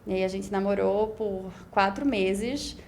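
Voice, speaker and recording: This beauty pageant winner, a woman in her 20s, speaks Brazilian Portuguese with a Pernambuco accent in a mid-range, unhurried voice. Guesting on a casual podcast interview, she reflects on her story in long run-on stretches, often adding "né?".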